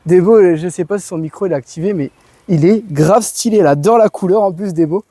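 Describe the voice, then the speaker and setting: A man's voice: high-pitched, fairly quick, warm tone, no room sound. A man from France giving a casual, enthusiastic product demo in his garden, full of slang. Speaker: home and garden vlogger. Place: outdoors in a garden.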